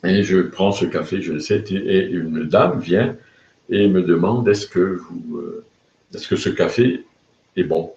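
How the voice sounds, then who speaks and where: A man's voice: deep voice, unhurried, creaky, darkish tone. An older man from France, hosting a live video blog and telling stories casually, with many hesitations and fillers. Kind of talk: casual storytelling to camera. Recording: roomy, slightly dull sound.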